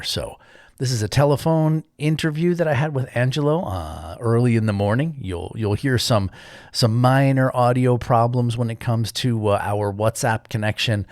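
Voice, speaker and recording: A man hosting a podcast, talking in a relaxed, chatty way with plenty of fillers. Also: lowish voice, dry recording, studio quality. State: morning voice. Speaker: podcast host. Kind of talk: casual podcast intro and interview.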